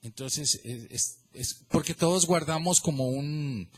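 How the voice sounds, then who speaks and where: Animated Colombian pastor preaching. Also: male voice, on the high side, a little slow. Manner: animated, addresses listeners by name, asks rhetorical questions. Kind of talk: sermon.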